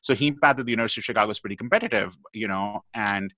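A man's voice: lowish voice, racing, pushed and bright, no echo. A man, a guest pathologist, telling a long story in a podcast interview, chatty and full of "like" and "you know".

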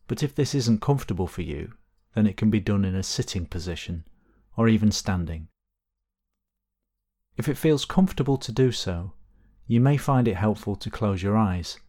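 Gentle, unhurried instructions for a body scan meditation come from a man with a lowish voice, who pauses at length between phrases.

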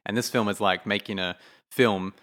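A man's voice: fairly low pitch, fairly even intonation, normal speed, fairly bright tone. A man co-hosting a film podcast, thinking aloud in a rambling, casual way with many fillers. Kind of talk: casual chat.

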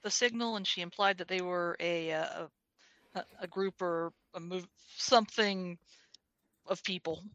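A woman's voice: on the low side, fairly even intonation, measured pace, fairly bright tone, no room sound. A woman player in a tabletop game, speaking hesitantly with fillers. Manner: hesitant, asking rules questions. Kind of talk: casual chat.

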